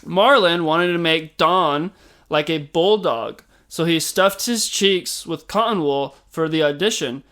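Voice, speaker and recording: Bright, clear-voiced young man. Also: a little high, unhurried. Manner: excitable, swears freely. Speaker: podcast co-host, film expert. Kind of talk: casual chat, reading trivia.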